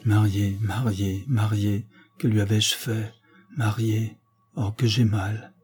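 A man reading aloud voices a fragile young woman in love, pitching his voice up and pleading. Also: expressive, normal speed, warm tone, husky, soft background music. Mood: delirious. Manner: pleading, voice raised above his own.

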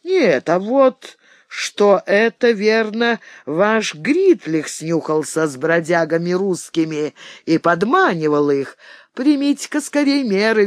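A man's voice: high voice, lively intonation, takes it slowly, no room sound, studio quality, pitched above the performer's own voice. A man voicing a boastful, hot-headed knight who blusters at his host in a read-aloud novel. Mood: blustering.

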